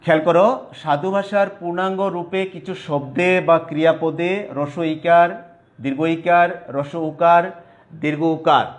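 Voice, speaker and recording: A male teacher giving an online grammar lesson at a board, dictating slowly and repeating terms piece by piece. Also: on the high side, steady tone, lo-fi sound. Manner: slow, repetitive dictation, spelling out terms piece by piece.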